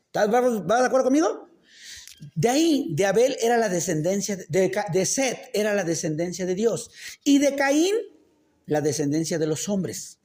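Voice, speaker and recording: In church, a pastor with a high, expressive, slightly mellow voice preaches a casual sermon at a moderate pace. He keeps quizzing the congregation with rhetorical questions and tosses in joking asides.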